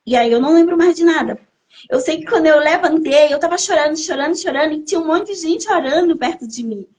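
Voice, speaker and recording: A high-pitched woman in her thirties shares her personal testimony as a podcast guest. She tells the story with strong emotion and comes back to key phrases again and again to drive them home. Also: expressive, fast talker, darkish tone.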